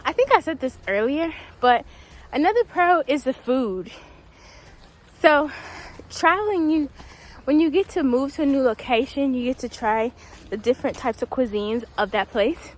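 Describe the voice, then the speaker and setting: A young woman talking casually while walking a quiet wooded trail in winter, a little out of breath, with many ums. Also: fairly high pitch. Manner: chatty, laughs often, many ums. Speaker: vlogger.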